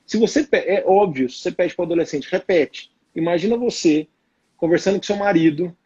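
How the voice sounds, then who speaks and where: A Brazilian man co-hosting a live stream, reading out viewer questions and giving brisk advice, acting out quoted lines of parents and teenagers, on muffled lo-fi audio. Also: high voice, warm tone, slightly rough. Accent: Brazilian Portuguese.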